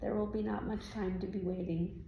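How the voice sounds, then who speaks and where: A woman's voice: medium pitch, flat delivery, normal speed, gravelly, highs cut off, lightly acted. A woman speaking as a trance medium voicing a serene spirit guide, with stilted formal phrasing and frequent questioning tags, giving spiritual guidance at a live event. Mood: serene, instructive. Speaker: trance channeler answering audience questions. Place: indoor live event room. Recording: roomy live event sound, faint noise.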